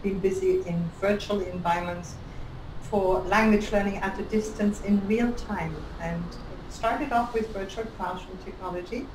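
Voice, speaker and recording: A woman speaking as a guest on a video call, chatty and quick to laugh. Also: mid-range voice, fairly even intonation, background noise. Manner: chatty, laughs between phrases. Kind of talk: casual chat and self-introduction. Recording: roomy, distant video-call sound.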